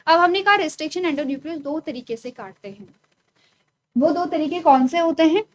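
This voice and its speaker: A woman with a high, expressive voice speaks fairly quickly over poor audio, teaching biology in a virtual classroom lecture from a studio classroom. She explains step by step, poses questions and answers them herself, and checks in often with "ठीक है."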